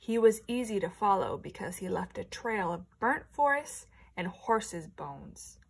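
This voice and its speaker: A woman teacher reads a picture book to young children at an unhurried pace. Her voice rises and falls in wide, lively swings, with a breathy, husky texture and a slightly high pitch. She often drops into soft whispered asides. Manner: expressive storytelling with hushed, whispered asides.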